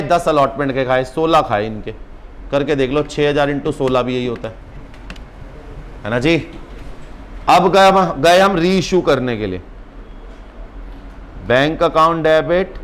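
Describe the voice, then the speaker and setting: High-voiced brisk male accounts teacher. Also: lively intonation, a bit bright. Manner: brisk, teasing, urges students on. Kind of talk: exam-prep class lecture.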